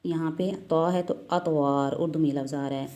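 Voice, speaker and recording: A woman with a Pakistani Urdu accent, teaching Quran reading step by step, patiently repeating letter sounds slowly. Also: low-pitched, fairly even intonation, mellow. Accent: Urdu-speaking, Pakistani. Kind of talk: step-by-step recitation lesson.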